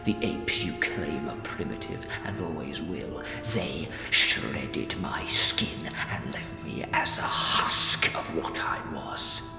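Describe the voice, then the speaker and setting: A man's voice: a bass voice, slow pace, heavily acted. Man as the Master, echoing menacing villain. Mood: bitter, menacing. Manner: grandiose, menacing, persuasive. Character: bitter, decayed villainous time-travelling mastermind. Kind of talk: fan audio drama acting. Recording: echoey hall, clear music behind.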